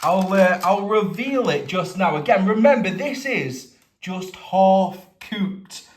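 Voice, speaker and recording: A man giving a casual food review to camera as the host, with drawn-out, emphatic presenter phrasing. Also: high-pitched, lively intonation. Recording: roomy, echoey indoor sound.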